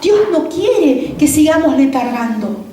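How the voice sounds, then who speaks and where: A woman's voice: high-pitched, big pitch swings, a little slow, dark tone, a little hiss or hum. A woman pastor preaching a sermon, repeating phrases and asking the congregation rhetorical questions. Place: church. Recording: very echoey church hall from far off.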